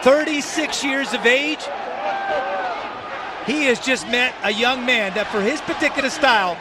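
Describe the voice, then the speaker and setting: A man's voice: very high voice, a little slow. A man calling a boxing match live, with emphatic, dramatic phrasing. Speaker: play-by-play boxing commentator. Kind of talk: live sports commentary. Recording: loud crowd and arena noise behind.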